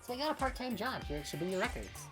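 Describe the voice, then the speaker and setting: A woman's voice: a little high, very animated, fast talker, music in the background, voice pushed up. A woman voicing a chirpy young record-shop clerk. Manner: sleepy then chipper, apologetic and eager.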